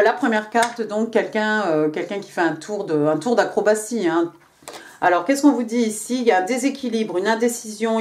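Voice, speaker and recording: A tarot card reader with a medium-pitched voice gives a casual reading against background noise. She speaks chattily, dropping in plenty of fillers and "hein" tags, and switches to English when reading the cards.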